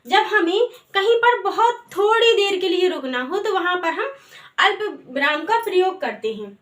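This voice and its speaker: A woman's voice: very high-pitched, lively intonation, normal speed, fairly bright tone. A woman teaching an online grammar lesson. She asks questions and answers them herself. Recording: echoey room, voice far from mic.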